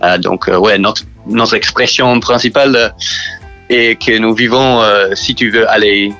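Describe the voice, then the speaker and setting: Man, English accent in French, lowish bright voice, hesitant, word repetitions, interview answers. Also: fairly even intonation, soft background music. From New Zealand. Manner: halting, frequent hesitations and repeated words. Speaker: interview guest from a church sports outreach group.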